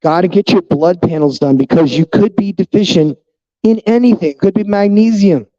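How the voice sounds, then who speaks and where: A man in his fifties rants directly at his viewers in a casual vlog, blunt and quick to swear. His voice is a bit high in pitch yet dark and mellow, and the recording is dull and lo-fi.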